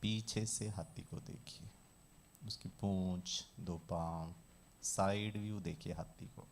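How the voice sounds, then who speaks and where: A man working as a meditation trainer, leading a guided visualization with calm, measured instructions. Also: low voice, a little hiss or hum.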